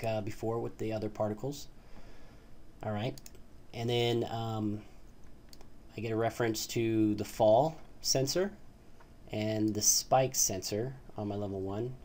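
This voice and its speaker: Guy with a lowish voice explaining code, lots of ums and right?s, faint typing and clicks behind. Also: darkish tone, slight background noise. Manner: hesitant, frequent fillers and "right?" tags. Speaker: tutorial host. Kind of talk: casual screen-recorded coding tutorial.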